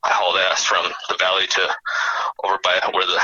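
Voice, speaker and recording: A man's voice: low voice, completely flat delivery, a little fast, pushed and bright, husky, dry recording. Choked-up man calling in by phone. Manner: choked up, emotional, rambling. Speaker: caller. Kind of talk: phone-in tribute memories. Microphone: phone audio call. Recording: dull, dry phone-quality audio.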